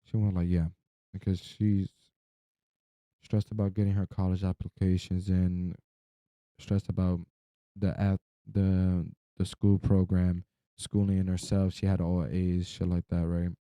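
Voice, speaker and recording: A young man with a deep, very dark, relaxed voice tells a personal story at a moderate pace, sounding drowsy and sleep-deprived as he rambles in casual slang with loose swearing. His tone is clean, and the recording is dry and close, with hardly any room sound and no echo.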